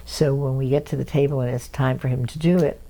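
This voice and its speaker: A woman's voice: rumbling low, a little fast, rough recording. An older woman from Cleveland, telling family stories in an oral history interview and chuckling often. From Cleveland, Ohio, USA. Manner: lively anecdotal storyteller, chuckling often. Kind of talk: storytelling in an interview.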